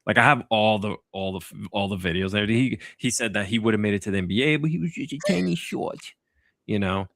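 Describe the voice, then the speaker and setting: A man with a gravelly, fairly low voice hosts a casual political podcast. He rambles a little, restarts his sentences and drops sarcastic asides. The recording is dry and close, with no room sound. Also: a little fast, a bit bright, dry recording. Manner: loose and sarcastic, with many fillers and restarts. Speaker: podcast host.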